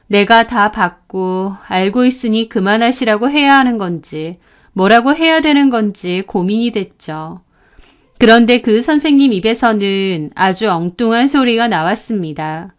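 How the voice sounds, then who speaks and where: A young adult woman reads a first-person story aloud in a plain, confiding manner. Her voice is smooth and resonant and sits a little high. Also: animated, a little slow. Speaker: narrator.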